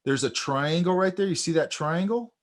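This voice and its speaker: A man teaching a sketching class in a relaxed, chatty way, telling stories while he points out details in drawings. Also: a little high, moderate pace. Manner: animated, storytelling, talks over drawings. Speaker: art instructor. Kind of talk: casual teaching chat.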